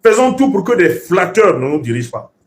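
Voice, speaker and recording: This political commentator, a man whose first language was Bassa, speaks fairly quickly in a somewhat high voice with big pitch swings. He holds forth like a professor-orator, emphatic and repetitive to press his points.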